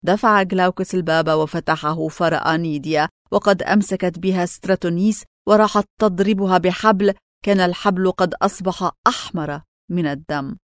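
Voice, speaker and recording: A woman narrating a story for an audiobook in an expressive, dramatic reading style. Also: fairly low pitch, fairly quick, no echo, studio quality.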